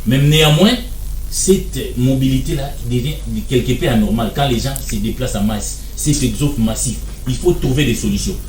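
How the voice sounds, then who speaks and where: A man's voice: mid-range voice, normal speed, darkish tone, roomy sound, recorded from a distance, slight background noise. Insistent man debating. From Democratic Republic of the Congo. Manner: insistent, argumentative, repeats points. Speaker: political debate guest. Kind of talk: televised political debate.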